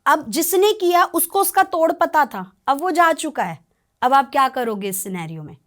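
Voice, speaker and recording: A woman, a tarot reader and spiritual practitioner, telling a client's story on a podcast in an earnest, animated way, often checking that the listener follows. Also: sits high, moderate pace.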